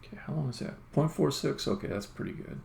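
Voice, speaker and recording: A game developer live-codes on a stream at his computer indoors, muttering short, casual remarks to himself as he thinks aloud. His mid-range voice is animated and quick, with vocal fry and a darkish tone. The room echoes, with faint background noise and keyboard typing audible.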